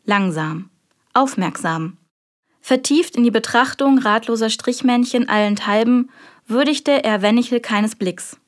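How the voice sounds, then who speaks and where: A woman narrating an audiobook in a measured, even storytelling manner. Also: fairly high pitch. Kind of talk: scripted narration.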